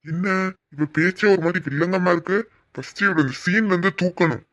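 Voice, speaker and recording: A sly husband in a cartoon skit mutters his schemes under his breath, as a performer gives him voice. His voice sits at an ordinary, middle pitch for a man. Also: a little fast, a bit bright, lightly acted. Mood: scheming. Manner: grumbling asides.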